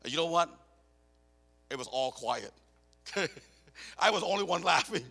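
A man born in Cambodia and raised in America, preaching as a missionary, animated and prone to repeating himself as he tells personal stories. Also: on the high side, a little slow, vocal fry, husky. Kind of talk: sermon. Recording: echoey hall reverb.

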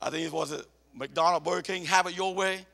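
Missionary preacher, man born in Cambodia and raised in America; high, bright, gravelly voice, animated delivery that repeats and restarts, echoey church hall. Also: a little fast. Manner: animated, repeats words and restarts, tells personal stories. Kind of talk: sermon.

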